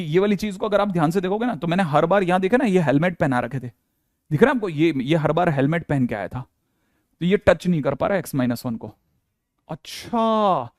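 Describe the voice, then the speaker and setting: A chatty man teaching maths at a board, with a fairly high voice recorded close and dry, with no room sound. He keeps checking in with the class and puts on the students' questions himself. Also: a little mellow, dry recording. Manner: chatty, repeats "ठीक है" often, acts out students' questions.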